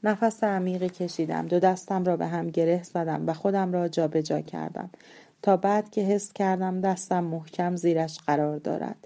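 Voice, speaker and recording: Warm-voiced woman narrating a story. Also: on the low side, fairly even intonation, creaky. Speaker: audiobook narrator.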